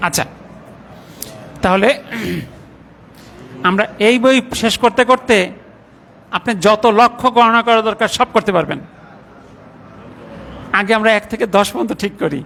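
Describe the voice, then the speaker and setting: A middle-aged man teaching a grammar class in a mosque, patiently reciting word forms slowly one by one. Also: high-pitched, vocal fry, fairly bright tone, slight background noise. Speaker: Arabic teacher.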